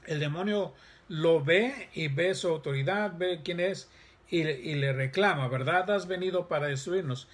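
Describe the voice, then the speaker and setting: A male pastor preaching a sermon, reading scripture aloud and pausing with fillers. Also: a little high.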